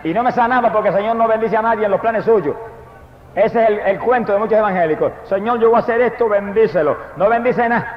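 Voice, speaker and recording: A man preaching a personal testimony sermon with fervor, dropping to hushed tones and rising to loud proclaiming. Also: high-pitched, fast, a little hiss or hum. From Puerto Rico. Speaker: evangelist preacher. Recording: echoey hall, dull lo-fi archive recording.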